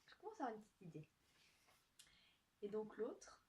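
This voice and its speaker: A young woman chatting casually to camera as she opens gifts, soft-spoken and giggly, thinking aloud. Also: medium pitch, wildly swooping pitch, moderate pace. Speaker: vlogger opening gifts. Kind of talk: casual unboxing chat to camera. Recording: distant mic with faint noise.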